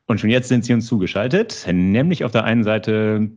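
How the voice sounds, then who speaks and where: A man's voice: fairly low pitch, lively intonation, moderate pace, darkish tone, muffled recording. A man hosting a podcast, reading a polished intro and moderating with light jokes. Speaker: podcast host. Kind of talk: scripted podcast intro and interviewing.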